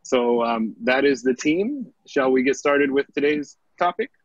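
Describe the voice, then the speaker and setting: A man's voice: medium pitch, lively intonation, a little slow, no room sound. A man from the United States moderating a casual online panel discussion and steering the conversation. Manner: friendly, steering the talk. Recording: dry, dull online call audio.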